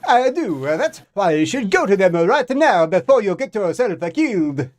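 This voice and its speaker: A man voicing a brash, hot-tempered male pasta cowboy with a loud Italian accent, in a live reading of a story. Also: high voice, very animated, normal speed, voice pushed up. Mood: threatening. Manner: loud, blustering.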